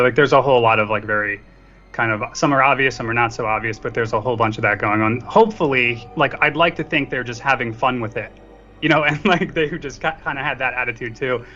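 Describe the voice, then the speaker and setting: A podcast guest co-reviewer talks films casually, making jokes at his own expense. His medium-pitched voice sounds pushed and bright, and the recording is dull lo-fi with faint music.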